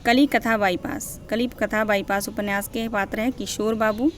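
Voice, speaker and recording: A woman's voice: mid-range voice, fairly even intonation, normal speed, a little hiss or hum. A young woman teaching literature for exam preparation. She reads out long lists of character names, checks in with her students, and corrects herself as she goes. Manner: corrects herself mid-list. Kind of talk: exam-prep lecture.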